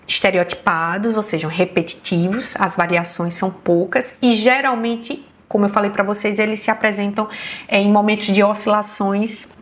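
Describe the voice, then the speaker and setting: A woman's voice: mid-range voice, steady tone, normal speed. A woman with a Brazilian Portuguese accent giving an online health lecture as a neurologist, explaining patiently and often checking in with her listeners.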